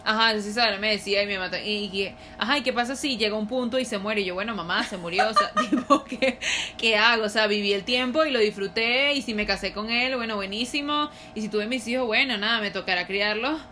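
A woman's voice: medium pitch, a little fast, hardly any pauses, bright, forceful tone, slight background noise. A young woman, co-hosting a podcast and telling rambling stories in casual chat. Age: late teens. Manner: rambling, storytelling, laughs often. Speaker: podcast co-host.

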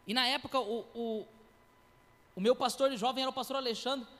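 A high-pitched man preaching a testimony in church, spinning his story with acted quotes and noises. His voice carries a long reverb from the hall around him. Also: fairly quick. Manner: animated storytelling with acted quotes and sound effects. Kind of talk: sermon testimony.

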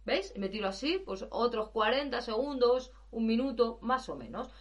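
Singing teacher demonstrating warm-ups. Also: female voice, fairly high pitch, big pitch swings, normal speed. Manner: explains then sings vocal exercises, glides and sirens.

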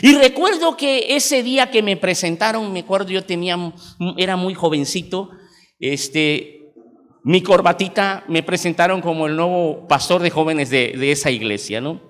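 High-voiced Mexican preacher in a hall. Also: male voice, normal speed. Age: 40s. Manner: animated, emphatic storytelling. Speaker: pastor. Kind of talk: sermon. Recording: long church hall reverb.

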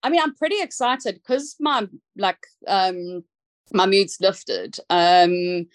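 A woman's voice: mid-range voice, expressive, takes it slowly, dry recording. A woman from South Africa talking casually as a podcast guest over a call, reflective, with many ums and restarts. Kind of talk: casual interview chat. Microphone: video call.

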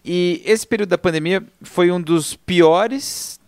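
Male teacher guest, measured, reflective, dry sound. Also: high-pitched, no room sound. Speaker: teacher and course presenter. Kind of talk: casual chat.

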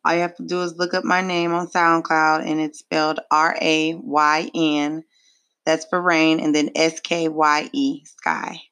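A woman with an American accent and a raspy, deep, soulful voice, talking in a sultry, unhurried way as a guest in a casual podcast interview. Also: flat delivery, a bit bright, dry recording. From Michigan, United States. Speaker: podcast guest, neo soul R&B singer.

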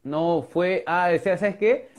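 A man with a high voice and a Peruvian accent chats casually. He tells crude stories packed with street slang. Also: takes it slowly. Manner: crude, slang-heavy storytelling. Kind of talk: casual chat.

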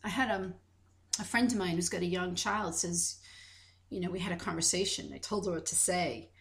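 A woman's voice: fairly low pitch, moderate pace. A woman co-hosting a podcast, talking earnestly in casual conversation and retelling a story with many restarts. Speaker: podcast co-host.

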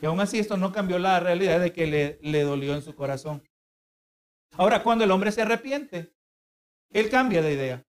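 A man's voice: high-pitched, expressive, moderate pace. A man preaching a sermon in a teaching tone, asking the congregation rhetorical questions.

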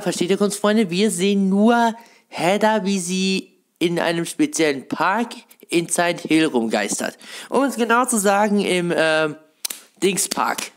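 A man hosting his own video show, rambling through casual game commentary with lots of fillers and pet phrases, a frog in his throat. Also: fairly high pitch. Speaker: video host.

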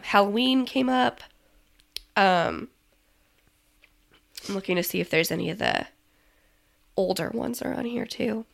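A woman's voice: mid-range voice, creaky, a bit bright. A woman co-hosting a podcast, chatting casually with plenty of ums and easy laughs. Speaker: podcast co-host. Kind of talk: casual chat.

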